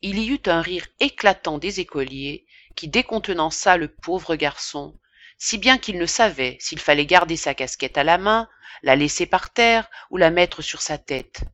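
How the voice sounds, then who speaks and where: A woman narrating a classic novel as an audiobook, in a measured, expressive reading. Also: lowish voice, no room sound. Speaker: audiobook reader.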